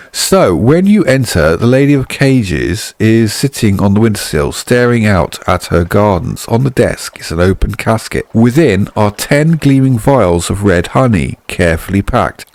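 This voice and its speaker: A man hosting a game playthrough, reading the story text aloud and then remarking on it in a chatty, offhand way. His voice sits low but swings up and down a lot. The sound is dry and close, with no room around it. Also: a little mellow, no room sound. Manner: chatty, reads narration then comments offhandedly. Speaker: video game playthrough host.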